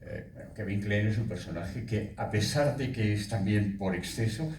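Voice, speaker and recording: A man in his eighties, a voice actor telling stories at a festival talk in a relaxed way. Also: lowish voice, normal speed, slight background noise. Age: 80s. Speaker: voice actor guest. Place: festival hall. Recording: echoey hall, speaker far from mic.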